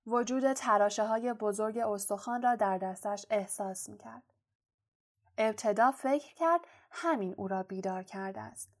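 A woman narrating a storybook aloud in a steady, expressive reading voice. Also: medium pitch, breathy edge. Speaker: audiobook narrator.

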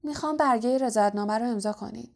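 Woman doing a defiant teen boy, cool and guarded, quick soft delivery, storybook reading. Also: a little high, close to an everyday voice. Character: defiant teenage boy, male.

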